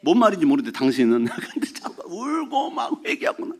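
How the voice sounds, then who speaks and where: A man preaching a Sunday sermon as pastor, telling a story in an animated way and shouting exclamations from it. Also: high voice, brisk, husky. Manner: animated storytelling, mixes formal and casual speech, shouts acted exclamations. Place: church sanctuary.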